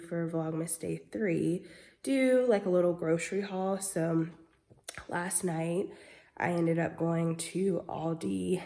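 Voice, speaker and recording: A young woman with a mellow, lowish voice chats casually in a vlog, full of "um" and "like." She sounds congested and nasal from a cold.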